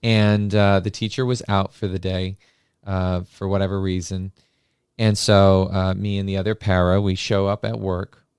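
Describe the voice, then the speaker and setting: A low-pitched man tells a story in a casual, animated way, full of hesitations and fillers. His voice is smooth and resonant. It is recorded close and dry, with no room sound. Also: moderate pace, dry recording. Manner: animated anecdote-telling with many filler sounds. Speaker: podcast host and classroom paraprofessional.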